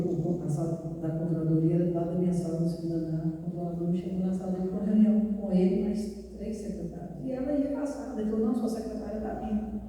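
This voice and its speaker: A woman's voice: lowish voice, warm tone. Earnest woman preaching in an echoey hall. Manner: earnest storytelling, often addressing the congregation as brothers. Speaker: guest preacher. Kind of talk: testimony sermon. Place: church hall. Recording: echoey church hall, voice from far off.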